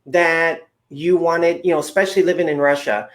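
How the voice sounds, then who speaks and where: A man's voice: on the high side, steady tone, normal speed. Upbeat man hosting a chatty interview. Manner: upbeat, rambling with many fillers. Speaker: podcast host. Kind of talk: casual interview chat.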